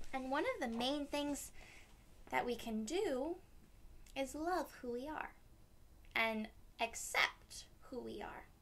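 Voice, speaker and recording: Fairly high-pitched, gravelly, and somewhat bright, this young woman's voice carries a children's read-aloud. As a teacher hosting storytime in a small, decorated indoor room, she explains things in simple terms with plenty of expression along the way.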